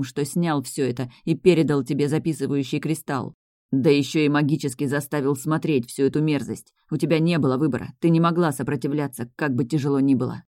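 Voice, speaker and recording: A woman's voice: deep voice, mellow, no echo, clean studio sound, close to an everyday voice. A woman voicing a devoted young male mage speaking tenderly and with regret to his beloved in a storybook reading. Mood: regretful.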